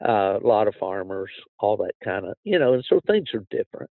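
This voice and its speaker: A man's voice: on the low side, very animated, a little fast, gravelly, dry recording, narrow, tinny audio. An older man hosts a casual outdoors podcast in a folksy, plain-spoken way. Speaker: podcast host.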